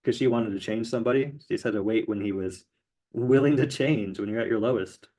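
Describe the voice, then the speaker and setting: A man's voice: on the low side, fairly quick, warm tone. A man teaching tarot card meanings in a loose, rambling explainer with many fillers. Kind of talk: casual explainer lesson.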